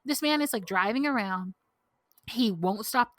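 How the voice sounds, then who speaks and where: A young woman, co-hosting a podcast and telling a story in casual chat, animated and full of "like", acting out what people said. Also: a little high, unhurried, dry recording. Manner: animated, heavy use of "like", acts out quotes. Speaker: podcast co-host. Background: dog barking outside.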